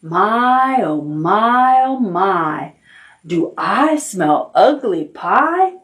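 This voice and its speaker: Woman reading as a slow, folksy old bear. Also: mid-range voice, very animated, a bit bright, full character voice. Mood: yearning. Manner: sing-song storybook delivery, as to a toddler. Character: folksy old male bear hankering for pie.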